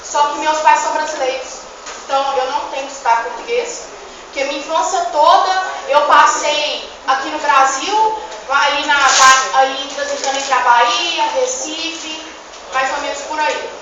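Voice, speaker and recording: Her voice high and only lightly acted, a young woman student speaks at normal speed as a vain, joking dead poet of the eighteenth century. She chides the class theatrically during a school presentation, picked up from far away in a noisy, dull, echoey room.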